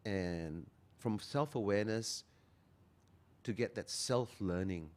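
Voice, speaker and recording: A man, talking earnestly as a guest and slowing down to stress his key phrases. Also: lowish voice, darkish tone. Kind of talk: motivational interview talk.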